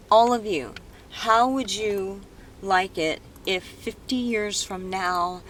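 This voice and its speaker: A woman dance vlogger speaking unscripted to her viewers, earnest and rambling, stopping and restarting her thoughts in a room with an open window. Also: medium pitch. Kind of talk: unscripted vlog monologue. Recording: loud street noise in the background.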